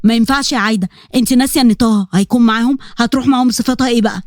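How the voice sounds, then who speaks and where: A woman's voice: a little high, rapid-fire, no echo, clean studio sound, pitched below the performer's own voice, close to an everyday voice. A woman voicing a protective, anxious middle-aged father with an Egyptian accent. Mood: worried. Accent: Egyptian Arabic. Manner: heavy, anxious, pleading.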